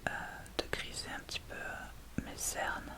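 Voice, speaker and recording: A woman gives an informal ASMR makeup tutorial, walking through every step in an unhurried, hesitant way.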